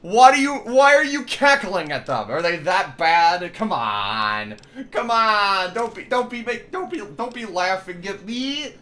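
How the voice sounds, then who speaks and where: Pitched high and sharp, this young man's voice is very animated yet unhurried. He's streaming a game in loose chat, rambling, cursing, laughing often, and reading chat aloud while playfully toying with a fake accent.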